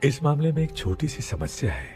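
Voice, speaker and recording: A man in a Hindi dub, playing a serious investigator who talks in a measured, thoughtful way. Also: on the high side, very animated, darkish tone. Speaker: ghost investigator. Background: music.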